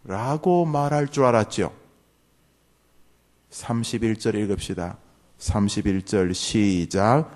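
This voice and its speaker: A male pastor preaching a sermon, animated and leading the congregation in reading. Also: on the low side, takes it slowly, long pauses. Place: church.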